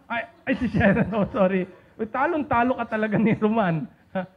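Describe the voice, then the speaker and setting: Man, very high voice, seminar speaker, teasing, calls on listeners, dull lo-fi recording. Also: moderate pace, slightly rough. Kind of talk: lecture on communication to a live group.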